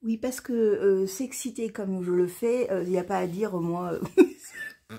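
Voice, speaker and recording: A woman from France chatting casually to camera in a knitting vlog, excited and rambling, stumbling and restarting her words. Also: mid-range voice, normal speed, slightly rough. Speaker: knitting vlogger.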